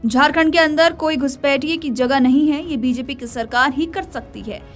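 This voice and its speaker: A woman's voice: sits high, normal speed. A woman reading a scripted news report as a video news presenter. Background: faint music.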